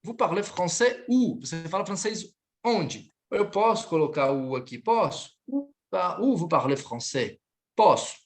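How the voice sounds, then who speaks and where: A man's voice: high-pitched, animated, a little slow, soft background music. Male language teacher, patient drill style, live online class, corrects students between languages. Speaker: French teacher.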